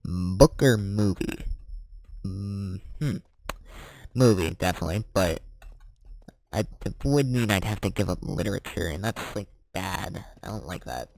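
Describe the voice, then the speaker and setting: Rambling teenage boy gamer, low voice. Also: unhurried, vocal fry, pauses often, darkish tone, dry recording. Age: teens. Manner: rambling, self-correcting, chuckling. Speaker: gaming vlogger. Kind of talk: casual chat while playing.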